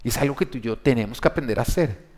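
A man's voice: mid-range voice, rapid-fire. A pastor preaching a sermon, an emphatic man who asks his congregation rhetorical questions. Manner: emphatic, swelling louder on key points.

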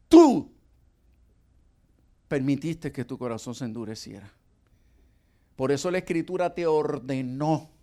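A man's voice: mid-range voice, mellow. A middle-aged man preaching a sermon, acting out dialogues with God and his wife.

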